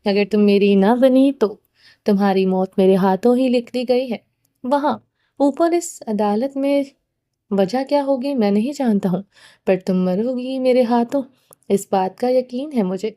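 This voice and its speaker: A woman's voice: on the high side, dark tone, lightly acted. A woman reading the part of a menacing, short-tempered young man in a storybook, in a cold, commanding way.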